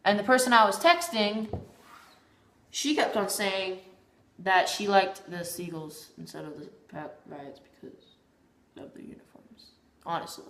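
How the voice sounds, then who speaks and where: A woman talks straight to camera in a loose, rambling vlog, tripping over her words and circling back on them. Her pitch sits in an ordinary middle range. The room around her is bare and echoey. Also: measured pace, fairly bright tone, a little hiss or hum. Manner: rambling, stumbles and repeats words. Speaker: vlogger. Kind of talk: casual rambling monologue.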